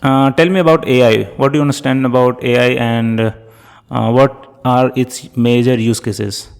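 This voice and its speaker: A man with an Indian accent, hosting a tech video and giving spoken commands to a voice app. He talks hesitantly, with fillers and quick self-corrections. His voice carries a long room reverb. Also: mid-range voice, fairly even intonation, gravelly, smooth. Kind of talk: casual spoken prompts.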